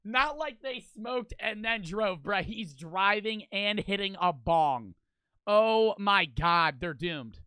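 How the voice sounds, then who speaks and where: Man, high voice, crisp and smooth, dry close sound, excitable reaction commentary. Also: slow pace, no room sound. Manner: excitable, swearing, laughing at the footage. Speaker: reaction video host. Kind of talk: casual commentary.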